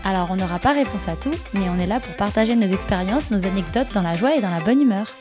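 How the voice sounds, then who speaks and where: A young woman with a hoarse, slightly gravelly broken voice, chatting casually as an informal, slangy podcast co-host. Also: mid-range voice, animated, fast, music in the background. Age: young adult. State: hoarse from a short night. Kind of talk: casual chat.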